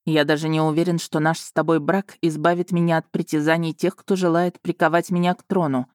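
Woman reading as a cocky young duke, low amused drawl, dry close sound. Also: level tone, a little fast, darkish tone, no room sound, lightly acted. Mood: smug, teasing. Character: smug teasing young male duke. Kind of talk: audiobook character voice.

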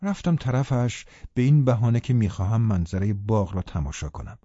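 A man reading a novel aloud as an audiobook narrator, telling the story in a calm, even way. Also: on the low side, slightly rough, no echo, dull audio. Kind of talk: scripted narration.

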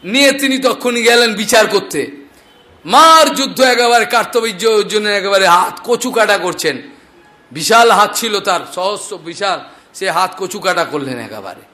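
Male preacher doing scripture stories, high bright voice, acts out every character. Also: moderate pace. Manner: animated, acts out the characters' speech. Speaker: Bhagavata storyteller preacher. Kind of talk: devotional scripture storytelling.

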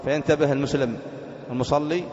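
A sheikh teaching a classroom lesson on Islamic jurisprudence, explaining slowly, repeating phrases and asking his students questions. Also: a little high, fairly even intonation, a little mellow. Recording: dull echoey hall recording.

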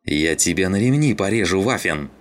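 A brash young skinhead who yells threats and insults, as a man puts him on. His voice rides high and loud over the reader's naturally very deep tone, rough and combative. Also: expressive, normal speed. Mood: angry. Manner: yelling, threatening, crude.

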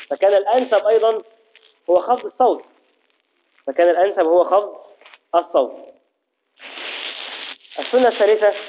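A man teaching a classroom lesson on Islamic law, repeating key phrases slowly and asking and answering his own questions. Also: high-pitched. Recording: tinny phone-like audio.

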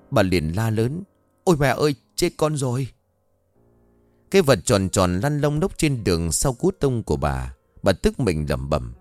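A man narrating a scripted horror story in a dramatic, expressive telling. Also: mid-range voice, no room sound.

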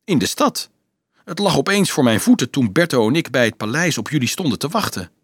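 A man's voice: medium pitch, very animated, a little fast, husky, no echo, studio quality, voice pushed up. A man voicing an eager young tanner boy in a storybook reading, tumbling over his explanations.

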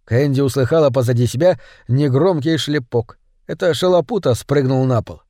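A man narrating a fantasy audiobook in a steady storytelling manner. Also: mid-range voice, moderate pace, no echo, studio quality. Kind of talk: scripted narration.

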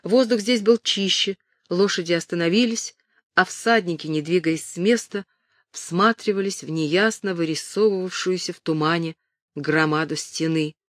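A woman reading a historical novel aloud in steady, measured narration. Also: lowish voice, no room sound, studio quality. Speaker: audiobook narrator. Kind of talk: scripted narration.

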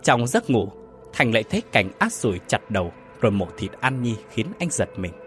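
A man narrating a horror story in an expressive, dramatic way. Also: medium pitch, normal speed, faint music behind.

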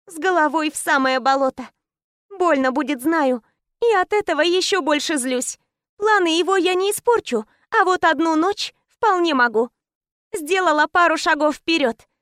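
A woman's voice: sits high, a bit bright, dry recording, studio quality. A woman narrating a first-person romance audiobook in intense, clipped short phrases.

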